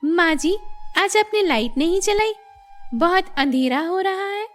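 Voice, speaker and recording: A sly, fed-up young daughter-in-law in a cartoon story, voiced by a woman narrator. Her voice is high and clear, with quiet music behind it. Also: animated, unhurried. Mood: complaining. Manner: complaining, sly.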